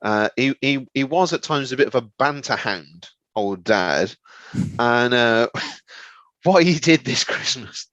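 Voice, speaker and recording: A man's voice: medium pitch, expressive, slow, fairly bright tone, dry recording. A man co-hosting a comedy podcast, telling a rambling story and stumbling over words. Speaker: podcast co-host. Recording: slightly dull, lo-fi.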